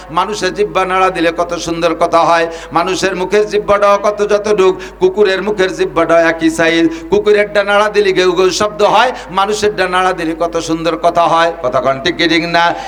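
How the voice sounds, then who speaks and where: A man from Bangladesh preaching a waz sermon, impassioned and often rising to loud cries, chanting Arabic verses between his Bengali lines. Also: high voice.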